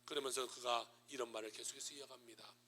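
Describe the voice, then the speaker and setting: A man preaching a sermon in a church, dramatic, swinging between loud exclamations and hushed whispers. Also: mid-range voice, steady tone, fast, slight background noise. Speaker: pastor. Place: church sanctuary.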